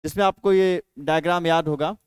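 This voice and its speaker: A man's voice: on the high side, fairly even intonation, fairly quick, a little mellow, smooth, no echo. A man teaching an exam practice lesson, repeating each question and then answering it himself.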